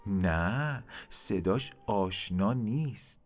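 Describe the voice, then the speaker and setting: A man's voice: fairly low pitch, lively intonation, soft background music, lightly acted. A man playing a patient mother crow. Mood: gentle. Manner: patient, instructive. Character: careful, gentle mother crow.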